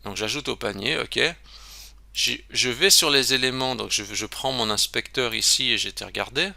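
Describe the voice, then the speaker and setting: A man's voice: mid-range voice, moderate pace, gravelly, bright, forceful tone, no echo. A man giving a casual screen-recorded web tutorial, chatty and self-interrupting, with lots of fillers.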